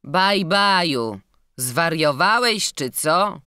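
A woman's voice: fairly low pitch, lively intonation, extremely slow, clean tone, dry recording, studio quality, voice pushed up, heavily acted. A woman doing a blunt, mocking young servant. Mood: scoffing. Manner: scolding, teasing, loud.

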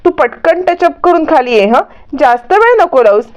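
A woman voicing a flustered older aunt who talks loudly to stall someone. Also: sits high, sing-song, normal speed, pitched above the performer's own voice. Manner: loud, stalling.

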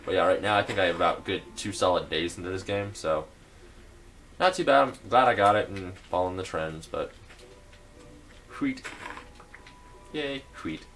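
A man's voice: low voice, moderate pace, pauses often, fairly bright tone, soft background music. A young man casually narrating his game building, rambling with lots of fillers and hesitations. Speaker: gameplay video maker.

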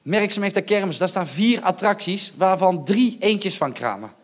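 A man doing stand-up on a theatre stage, loud and mocking, goading the audience with rhetorical asides. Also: sits high, lively intonation, moderate pace. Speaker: stand-up comedian. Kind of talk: live stand-up performance.

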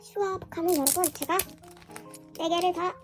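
Vlogger, female, voice-changed into a very high chipmunk pitch, hoarse underneath, gushy, music bed behind. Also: steady tone, moderate pace. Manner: squeals and gushes often. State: hoarse from illness. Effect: pitch-raising voice changer. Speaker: album unboxing vlogger. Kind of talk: casual excited unboxing chat.

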